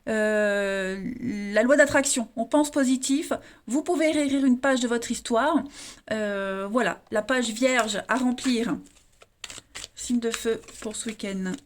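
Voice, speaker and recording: A woman's voice: a little high, slow pace. A woman giving a casual tarot reading to her viewers, chatty and full of fillers and restarts, calling them her friends. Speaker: tarot reader.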